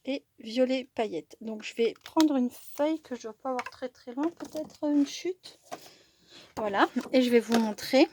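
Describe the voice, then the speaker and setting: A woman talks slowly and unhurriedly as she shows off craft supplies in a casual haul video. Her voice sits a little high, and she hesitates often, circling back and restarting her sentences. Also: a little mellow, slight background noise. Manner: slow and hesitant, many fillers and restarts. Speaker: crafting vlogger. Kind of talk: casual product haul chat.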